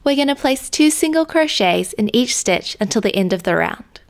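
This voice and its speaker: A woman host narrating a crochet tutorial in a calm, step-by-step instructional manner. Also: fairly high pitch, moderate pace. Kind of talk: scripted tutorial voice-over.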